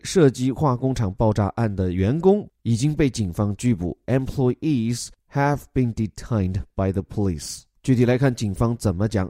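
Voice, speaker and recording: A man with a mellow, warm voice teaches English from news headlines in a dry, close recording. He explains patiently and slows down to spell words and read English phrases. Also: medium pitch, dry recording.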